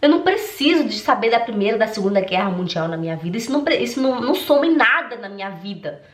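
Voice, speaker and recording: Animated woman teacher, roomy echo. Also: fairly high pitch, fast. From Brazil (Belém do Pará). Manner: animated, emphatic, addresses viewer directly, laughs easily. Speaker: German teacher and online course creator. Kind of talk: motivational talk to camera. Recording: roomy echoey room.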